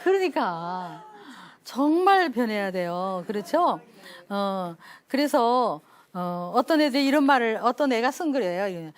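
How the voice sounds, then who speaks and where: Woman, church parenting lecture, fairly high voice, animated storytelling, acts out dialogue. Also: measured pace.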